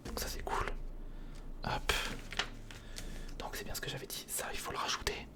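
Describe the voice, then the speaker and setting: At a moderate pace, a man whispers breathily through an informal ASMR session, commenting as he builds. He is an ASMR creator, and his remarks land half on himself, half on the viewer.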